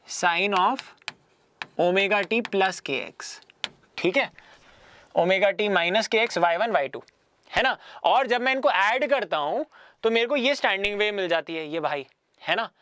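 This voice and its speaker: A man's voice: sits high, sharp tone. A man giving an online physics lecture in a chatty way, mixing English phrases into his talk, repeating himself and often checking that students follow. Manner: chatty, mixes English phrases into Hindi, calls students "yaar". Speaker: physics teacher. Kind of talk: online exam-prep lecture.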